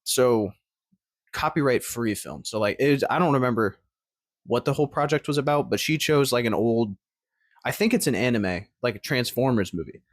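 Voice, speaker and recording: Telling stories to camera, this upbeat twenty-something vlogger wanders off on tangents, restarting often and leaning on fillers. His medium-pitched voice has lively intonation and a moderate pace, recorded cleanly at studio quality with no echo.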